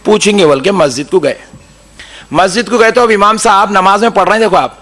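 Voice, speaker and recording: An animated preacher tells stories to a gathered congregation. His voice sits high for a man and rings bright and forceful. He acts out the people he quotes and keeps turning to the crowd with questions. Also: fairly quick. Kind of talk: storytelling sermon to a congregation.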